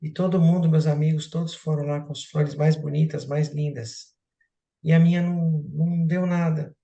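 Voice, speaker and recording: A man's voice: fairly high pitch, fairly even intonation, normal speed, vocal fry, dark tone, distant mic. A man voicing a poor, shy young boy in a plaintive, slightly raised voice. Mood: sad. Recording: roomy echoey room.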